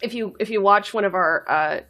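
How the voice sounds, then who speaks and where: A woman's voice: mid-range voice, brisk, sharp tone. A woman chatting casually and laughing often while playing a video game on stream, swearing freely. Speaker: let's play streamer. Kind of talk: casual gameplay chat.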